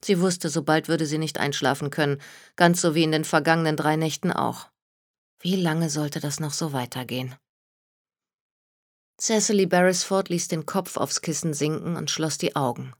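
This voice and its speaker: Calm audiobook narrator, dry sound. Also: medium pitch, moderate pace, no echo. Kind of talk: scripted narration.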